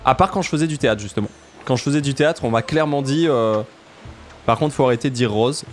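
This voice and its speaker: Chatty southern French streamer. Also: male voice, fast, a little hiss or hum. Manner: chatty, jokey, jumps to high pitch for emphasis. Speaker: let's play streamer. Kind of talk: casual gameplay commentary.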